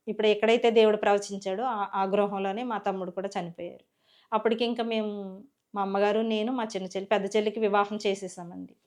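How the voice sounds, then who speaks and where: A woman giving a personal faith testimony as a church member, telling her story in an earnest, conversational way. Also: mid-range voice.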